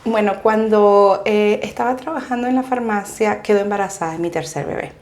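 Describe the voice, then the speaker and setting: A woman from Venezuela with a Venezuelan accent, a guest telling her story in a conversational interview, animated and laughing as she recounts anecdotes. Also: medium pitch, a little fast.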